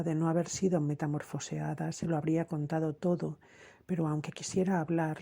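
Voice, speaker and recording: A woman narrating an audiobook of classical myths in a steady, measured reading. Her voice is dark and husky, with little rise and fall in pitch. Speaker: audiobook reader.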